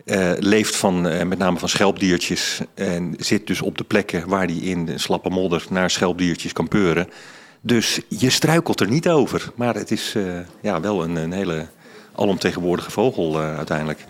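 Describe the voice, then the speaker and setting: A man's voice: deep voice, moderate pace. A middle-aged man, an author, explaining in a casual interview with many ums and restarts. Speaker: author and science journalist.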